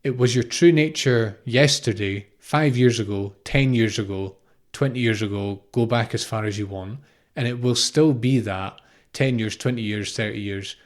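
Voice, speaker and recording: Speaking at a moderate pace in a mid-range voice, a thirty-something Scottish man gives a casual, unscripted talk on spiritual matters. He works as a spiritual teacher and podcast host, and his explanations are reflective, with frequent repetition and questions posed along the way.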